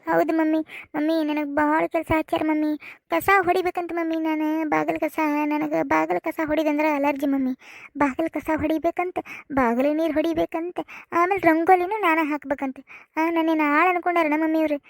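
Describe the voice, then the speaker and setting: A woman's voice: high voice, fast, darkish tone, no echo, clean studio sound, lightly acted. A woman voicing a spoiled, sulky young wife in a cartoon comedy, with a North Karnataka accent, whining and repeating her complaints. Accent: North Karnataka Kannada. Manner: whiny, complaining, repeats herself.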